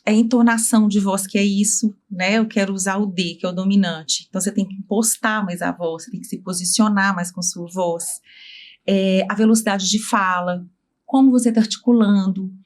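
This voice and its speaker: A woman's voice: mid-range voice, fairly even intonation, a little fast, darkish tone. A woman speech therapist being interviewed, earnestly explaining her work with examples and quoted dialogue.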